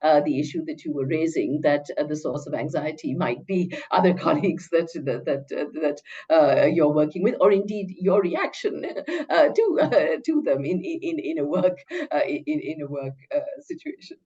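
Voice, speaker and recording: Middle aged lady professor, soft dark tone, bit muffled audio, stop-start academic answers with lots of repeated words. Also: sits low, animated. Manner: hesitant, stammering, measured scholarly phrasing. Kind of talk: interview answer, academic discussion.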